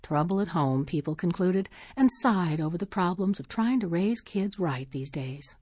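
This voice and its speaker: A woman narrating a short story in a measured, expressive reading. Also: fairly low pitch, husky, no echo, clean studio sound.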